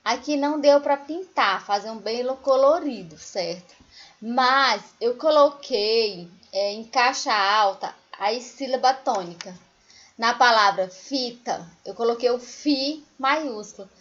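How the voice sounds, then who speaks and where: Woman teacher, slow and patient, fairly high voice, sings out example words, slightly dull lo-fi recording. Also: a bit bright. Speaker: primary school teacher. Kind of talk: recorded remote lesson for children.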